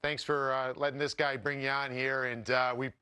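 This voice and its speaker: A man's voice: medium pitch, little pitch movement, normal speed, pushed and bright, clear, resonant tone. A man co-hosting a casual chat, upbeat and full of "hey" and "dude". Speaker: co-host.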